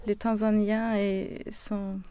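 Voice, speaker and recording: Slow, hesitant woman speaking French. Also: mid-range voice, little pitch movement, warm tone, smooth. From Sweden. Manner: hesitant, searching for words, many fillers. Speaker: interviewee. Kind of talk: casual conversation.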